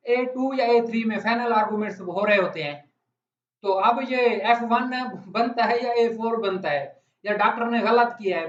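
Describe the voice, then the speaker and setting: In a fairly bright, high-sitting voice, a man with a Pakistani accent explains law in a conversational lecture, using everyday examples and asking his listeners questions. The room echoes and the sound is dull and lo-fi.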